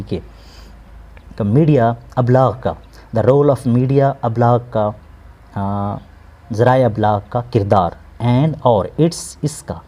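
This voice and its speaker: A man teaching an English lesson, slowly translating word by word and repeating each meaning with synonyms. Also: medium pitch, mellow. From Pakistan. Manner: slow, explanatory, repeats words and gives synonyms.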